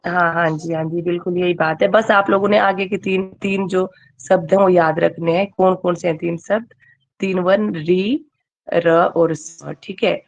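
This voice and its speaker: A woman's voice: lowish voice, steady tone, moderate pace. A woman teacher giving an online grammar class. She keeps quizzing her students and checks in with "okay" as she goes.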